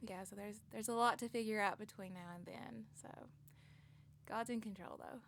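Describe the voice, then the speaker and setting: A woman's voice: medium pitch, fairly even intonation, moderate pace, vocal fry, slight background noise. Southern woman in her thirties chatting. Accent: Southern US (Tennessee). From Tennessee, USA. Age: 30s. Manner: chatty, with frequent ums and uhs. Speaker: podcast co-host. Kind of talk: casual chat.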